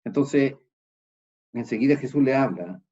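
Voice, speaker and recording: A man's voice: medium pitch, animated, measured pace, dark tone, muffled recording. A man with a Chilean accent preaching a sermon as pastor of a church, explaining a passage and often checking in with his listeners. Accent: Chilean Spanish.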